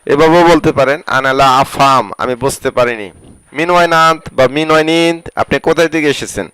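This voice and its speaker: A man teaching a word-by-word language lesson, slowly repeating each word and its meaning. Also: a little high, a bit bright, smooth, no room sound, low-quality recording. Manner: slow, repetitive drilling of words and their meanings.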